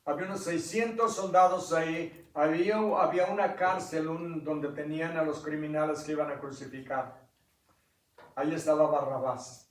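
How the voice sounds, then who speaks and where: Impassioned preacher, echoey distant church. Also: male voice, fairly high pitch, steady tone, moderate pace. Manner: impassioned, quizzes the congregation, builds to loud climaxes. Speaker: pastor. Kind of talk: sermon with Bible reading. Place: church sanctuary.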